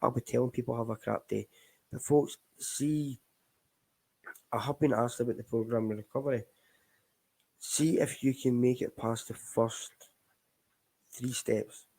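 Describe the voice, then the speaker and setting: Scottish man, middle-aged, casual live talk, mellow dark tone, frank and rambling. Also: medium pitch, fairly even intonation, brisk, creaky, low-quality recording. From Scotland. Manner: candid, rambling, addresses listeners as folks. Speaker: recovery podcast host.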